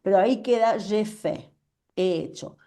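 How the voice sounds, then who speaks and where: Patient woman teaching French, mellow voice. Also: medium pitch, measured pace. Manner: patient, checks understanding often. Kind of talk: online class explanation. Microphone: video call.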